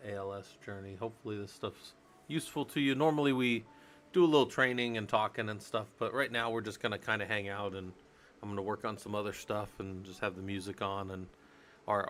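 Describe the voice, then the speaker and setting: A livestream host with a fairly low, pushed and bright voice chats loosely on a casual stream while working at his computer. He rambles and thinks aloud, using lots of fillers, with a little hiss or hum in the audio.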